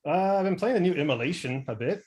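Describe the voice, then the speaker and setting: A man's voice: high voice, lively intonation, fast talker, darkish tone. A man on a podcast talking casually and in a laid-back way about metal albums, with lots of "like". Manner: laid-back, says "like" a lot.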